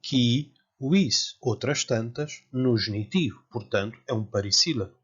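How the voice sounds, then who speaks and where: A man from Portugal with a European Portuguese accent, giving a careful, slow lecture as a Latin teacher. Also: mid-range voice, slightly rough. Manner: slow, careful, spells out word forms. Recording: dull lo-fi sound.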